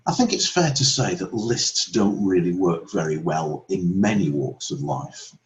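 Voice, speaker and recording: A man's voice: low-pitched, a little slow, dull audio. A man training English teachers in a webinar, asking the audience questions and acting out how students would reply. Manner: lively, questioning, acts out students' replies.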